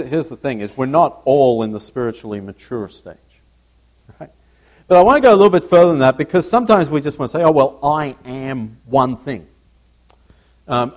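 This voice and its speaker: In church, a man with a medium-pitched voice preaches a conversational sermon, working through slides. He often halts, repeats words, and asks his listeners questions.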